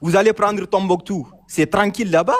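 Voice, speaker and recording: Malian male caller, high voice, insistent and halting, repeats words. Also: steady tone. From Mali. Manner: insistent, repeats himself, many hesitations. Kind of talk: casual chat, phone-in debate.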